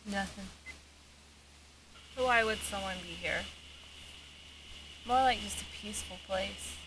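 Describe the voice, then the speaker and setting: A woman's voice: mid-range voice, slow. Woman chatting reflectively, noisy outdoor recording. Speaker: vlog host, paranormal investigator. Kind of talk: casual reflective chat. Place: outdoors in a cemetery.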